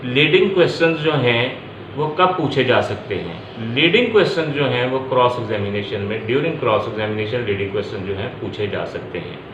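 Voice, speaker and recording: A man delivers an explanatory law lecture that mixes Urdu and English, working through the material step by step and repeating key points. His mid-range voice is animated and a bit bright at a moderate pace, though the highs are cut off. The room is echoey, with faint background noise.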